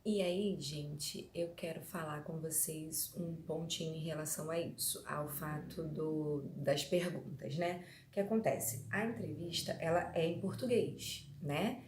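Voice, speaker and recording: A woman's voice: low voice, a little slow, hardly any pauses, a little mellow, a little hiss or hum. Chatty Brazilian-born woman vlogger, echoey room. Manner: chatty, many fillers and rephrasings. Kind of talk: casual storytelling to viewers.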